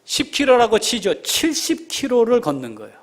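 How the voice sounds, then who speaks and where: Animated high-voiced male pastor preaching. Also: moderate pace. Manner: rhetorical questions to the congregation, drops to a whisper in prayer; addresses members by name. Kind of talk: sermon.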